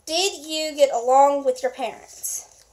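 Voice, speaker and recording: A woman hosting a home video, briskly reading questions to her husband and steering his answers. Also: high-pitched, darkish tone. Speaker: vlog host interviewing her husband. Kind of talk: casual home interview. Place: home at night.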